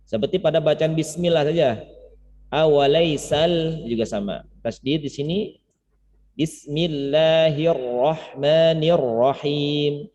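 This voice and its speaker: A man with a slightly high voice teaches recitation in an informal, explanatory way. He repeats words and syllables as examples. The online class audio is dull and carries a long reverb. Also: normal speed, a little mellow. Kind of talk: informal lesson with chanted demonstrations. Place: online class over Zoom, reverberant sound.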